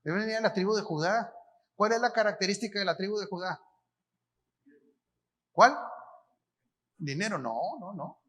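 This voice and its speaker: A man's voice: high voice, lively intonation, moderate pace, pauses often, fairly bright tone, husky. A man with a Mexican Spanish accent preaching a conference sermon, talking in a colloquial way, asking the audience questions and answering them himself. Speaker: apostle preaching.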